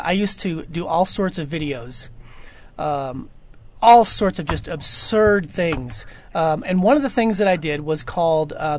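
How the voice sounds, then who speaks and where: Rambling man telling a long story. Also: high voice. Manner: rambling storyteller, frequent fillers and restarts. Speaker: audio drama producer. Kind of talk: casual podcast Q&A.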